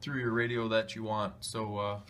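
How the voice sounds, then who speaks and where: A man hosts a DIY tutorial, talking through the hands-on steps in a casual, plain-spoken, easygoing way. His voice sits on the low side with little pitch movement, normal speed and a slightly bright quality. The home video sound is clearly noisy.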